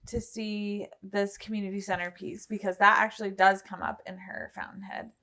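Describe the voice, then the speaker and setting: A woman's voice: medium pitch, little pitch movement, normal speed, pushed and bright. Brief: woman co-host, mid-range voice, thoughtful conversational explaining. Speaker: podcast co-host. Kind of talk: casual film discussion.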